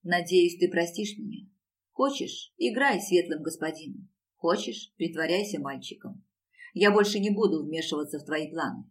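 A woman reading an audiobook and voicing an obsessive, jealous young man in a hushed, brooding tone. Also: a little high, animated, moderate pace, far from the mic. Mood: pleading, hushed.

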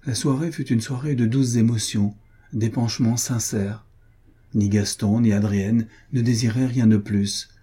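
Dark husky male audiobook narrator. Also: medium pitch, steady tone, measured pace. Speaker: audiobook reader. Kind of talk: scripted narration of a novel.

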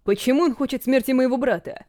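A woman's voice: sits high, quick pace, mellow, no echo, studio quality, close to an everyday voice. A woman voicing a stern young prince who questions a prisoner in an audiobook.

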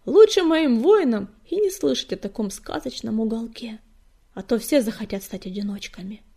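A woman reading an audiobook, voicing a weary young male tomcat who leads his clan, with a breathy, worn-out delivery. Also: fairly high pitch, animated, moderate pace, dark tone. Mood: wry.

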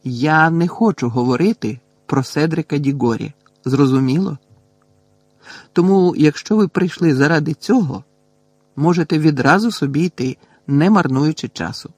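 A man's voice: a little high, normal speed, a little mellow, no echo. A man reading a tense, defiant teenage boy. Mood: irritated.

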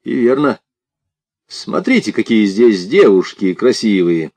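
A man's voice: on the low side, very animated, unhurried, darkish tone, husky, no room sound, full character voice. A man voicing a bold, sardonic young man. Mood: defiant.

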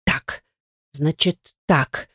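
A woman voicing a fussy elderly building manager in an audiobook, speaking in a lower, hushed and fretful voice. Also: lively intonation, normal speed, dry recording, studio quality, close to an everyday voice. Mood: scolding.

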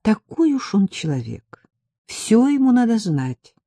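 A woman reading an audiobook, voicing a calm, stubborn young woman who answers patiently and curtly. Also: on the low side, a little slow, no room sound. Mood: firm. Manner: patient, curt, firm.

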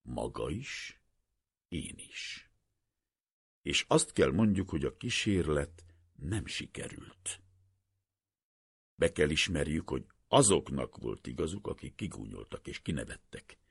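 A man's voice: a bass voice, lively intonation, creaky, slightly rough, no room sound, studio quality, full character voice. A man doing a grave, troubled old professor. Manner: slow, solemn, earnest pleading. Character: older male professor, grave and troubled scientist.

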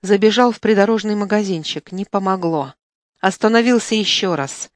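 A woman's voice: medium pitch, moderate pace, no room sound. Woman narrating an audiobook, dry studio sound. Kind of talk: first-person audiobook narration. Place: recording studio.

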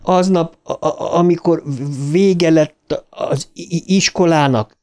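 A man voicing a determined boy gang leader who stutters heavily and shouts urgently. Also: fairly high pitch, fairly even intonation, smooth, pitched above the performer's own voice, lightly acted.

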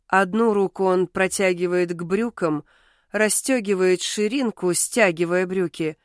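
A woman's voice: medium pitch, clear, resonant tone, no echo, studio quality. A woman narrating an audiobook in the first person, with intimate, emotional storytelling.

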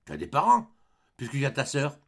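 A gruff, scolding old showman, put on by a man reading aloud, bellowing short commands in a raised, gravelly voice that swings widely. He sounds brusque and rough, a storybook grump. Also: mid-range voice, wildly swooping pitch, brisk, voice pushed up, full character voice. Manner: barking, shouting commands.

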